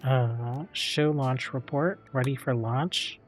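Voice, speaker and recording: A man hosting a let's play, calmly thinking aloud with frequent fillers as he plays a strategy game. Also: medium pitch, slow pace, faint music behind. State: hiccups. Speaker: gaming channel host.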